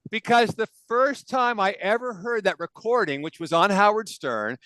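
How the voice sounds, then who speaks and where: A man's voice: sits high, animated, moderate pace, sharp tone, dry recording, rough recording. A man hosting a casual music debate show, opinionated and enthusiastic as he tells stories. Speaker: podcast host. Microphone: on camera, video call.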